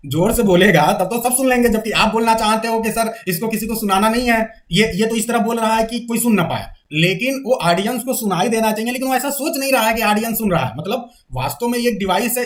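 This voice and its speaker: High-voiced male literature teacher. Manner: explains and checks in with "ठीक है?", dictates English definitions slowly. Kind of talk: classroom lecture.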